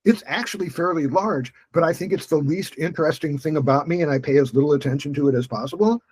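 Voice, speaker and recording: Husky man hosting a casual chat. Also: on the high side, quick pace, darkish tone. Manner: stammering restarts, casual swearing, self-mocking. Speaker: podcast host. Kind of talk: casual conversation.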